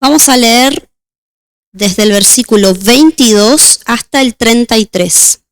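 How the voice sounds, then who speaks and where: A woman deaconess preaches in a smooth, clear, high voice. She reads the scripture at a slow, measured pace and draws out the important words. The sound is close and dry. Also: no echo. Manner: measured, slows on key words. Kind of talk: sermon with scripture reading.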